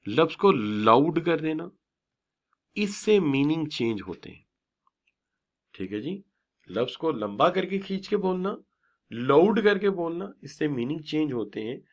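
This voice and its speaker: A middle-aged male lecturer teaches at an unhurried pace. His pitch rises and falls widely as he stresses and stretches key words. He drops English terms into his lesson and praises students often. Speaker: business communication teacher. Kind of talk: classroom lecture.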